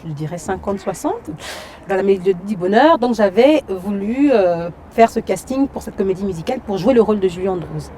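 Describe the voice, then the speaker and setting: A woman from Cameroon, an actress and singer, chatting as an interview guest in a lively way, full of fillers and "you see". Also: mid-range voice, fairly quick, a little hiss or hum. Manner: lively, frequent fillers and "tu vois". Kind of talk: casual interview chat.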